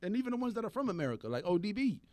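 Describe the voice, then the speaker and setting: A man co-hosting a podcast in casual chat, animated and laughing often as he acts out quoted voices. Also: high voice, rapid-fire, no room sound. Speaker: podcast co-host.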